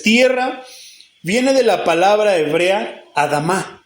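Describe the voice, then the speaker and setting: A man with a Mexican Spanish accent preaches in a raised, high voice that bounces around a reverberant church room. He leans on rhetorical questions and now and then sinks to a hushed, almost whispered delivery. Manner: rhetorical questions, sudden drops to hushed tones. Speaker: pastor. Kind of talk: sermon.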